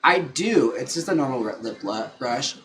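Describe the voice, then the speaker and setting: A man's voice: medium pitch, animated, normal speed, a bit bright. A man with a sassy, campy drag queen manner, chatting casually on a livestream while doing makeup. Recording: clearly noisy room ambience.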